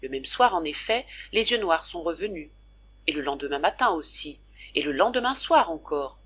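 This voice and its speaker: A woman narrating a classic novel aloud for an audiobook in a measured, gentle storytelling manner. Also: low voice, expressive, slight background noise.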